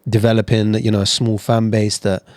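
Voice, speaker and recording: A man talks openly about his own past as a guest, casual and chatty, often restarting his sentences. His voice sits a little low. The sound is dry, with no room echo. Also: little pitch movement, brisk, darkish tone. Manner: candid, chatty, frequent restarts. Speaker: podcast guest. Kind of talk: casual interview storytelling.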